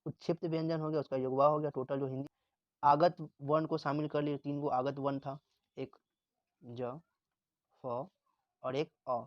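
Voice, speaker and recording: A man's voice: a little high, little pitch movement, brisk, dry recording. Man teaching with repeated questions, muffled sound. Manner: repeats words and asks questions to the class, then answers them. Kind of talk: classroom lesson.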